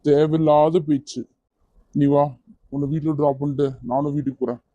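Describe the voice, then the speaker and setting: A man's voice: fairly high pitch, level tone, brisk, warm tone, dry recording, lo-fi sound, lightly acted. A man voicing an evasive young man who gets defensive and irritated when questioned, in a cartoon. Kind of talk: cartoon voice acting.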